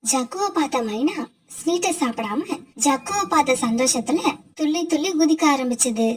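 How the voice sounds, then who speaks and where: Woman telling a kids cartoon story, high voice, steady and clear about it. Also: normal speed. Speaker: narrator. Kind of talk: storytelling narration for children.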